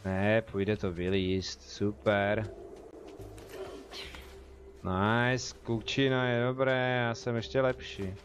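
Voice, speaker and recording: A man's voice: on the low side, level tone, pauses often, slight background noise. A young man with a Czech accent, chatting casually as he streams a game and jokes with his viewers. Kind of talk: casual live gameplay commentary.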